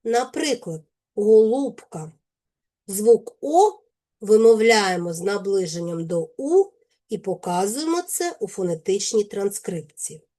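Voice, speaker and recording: Ukrainian-accented woman teacher, unhurried, precise over each word, warm-toned. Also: mid-range voice, sing-song. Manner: slow, careful, deliberate enunciation of sounds and words. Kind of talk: scripted lesson for children.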